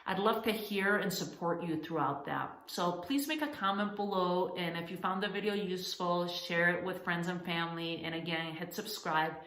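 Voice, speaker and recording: The founder of a coaching channel, a woman from Spain, gives earnest, encouraging advice straight to camera, calling her audience ladies. Her voice is fairly low for a woman and fairly bright, at normal speed with few pauses, though she often restarts and uses fillers while finding her words. The room is echoey.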